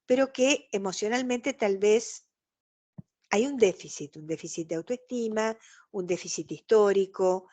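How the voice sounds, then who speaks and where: A woman's voice: mid-range voice, measured pace, mellow. A woman with a Rioplatense Spanish accent, giving an explanatory online lecture over a video call and acting out quoted exchanges. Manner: explanatory, acts out quoted dialogue.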